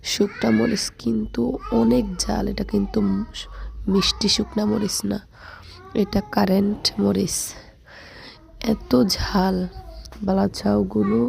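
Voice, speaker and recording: A woman, hoarse from a cold, chatting to her viewers as friends in a casual food voice-over. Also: medium pitch, flat delivery, takes it slowly, pauses often, a little mellow. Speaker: food vlogger.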